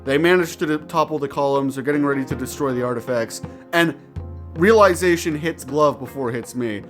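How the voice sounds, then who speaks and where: Faint music sits behind a mid-range male voice moving a little fast. He hosts a gaming channel and casually tells rambling anecdotes full of playful crude slang and silly nonsense words.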